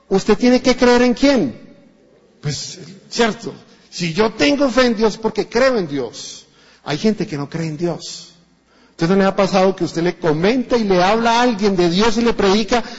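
A man preaching a sermon in a church with a Colombian Spanish accent, animated and acting out the voices of people in his stories. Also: high-pitched, measured pace. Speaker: pastor. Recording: dull echoey church recording.

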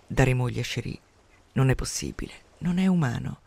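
Expressive male radio reader. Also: mid-range voice, normal speed, vocal fry, no room sound. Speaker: radio host reading and discussing a novel. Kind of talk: literary reading and commentary on radio.

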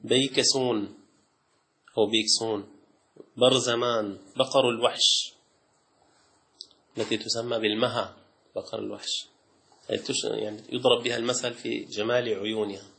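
A man, a sheikh teaching Islamic law in a classroom lecture. He reads lists aloud from a text and breaks off into quick colloquial asides. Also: mid-range voice, flat delivery, vocal fry, a bit bright.

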